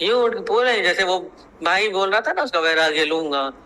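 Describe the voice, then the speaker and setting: Acting as a teacher, a man delivers a spiritual discourse in a high, sharp voice, animated and at a moderate pace. He narrates stories, performs the quoted dialogue, and repeats phrases for emphasis, all captured in poor audio.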